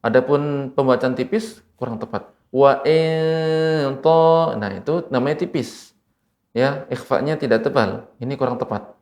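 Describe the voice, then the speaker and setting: A man from Indonesia teaching Quran recitation rules on television, speaking slowly and patiently and repeating each example word. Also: medium pitch, darkish tone. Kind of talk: televised tajwid lesson. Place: TV studio.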